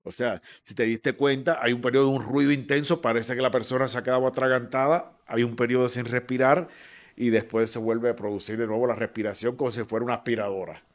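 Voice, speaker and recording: A Cuban physician, speaking with a Cuban Spanish accent, appears as a podcast guest and explains medical topics patiently. His voice is mid-range and steady but fast, and he uses many fillers and restarts.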